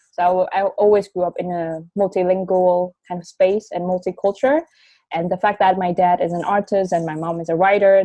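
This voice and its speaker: With a fairly low, mellow voice and no room sound, this woman chats through her life story in an interview, using plenty of fillers. She is 21, a marketing graduate who was born in Taiwan and grew up in Indonesia.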